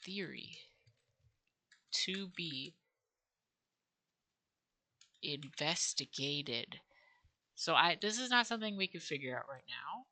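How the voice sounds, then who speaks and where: A woman's voice: low-pitched, animated, slow pace, long pauses, pushed and bright. A woman teaching herself a language on camera, thinking aloud and sounding out syllables in a playful, self-mocking way. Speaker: language learner vlogger. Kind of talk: casual think-aloud vlog.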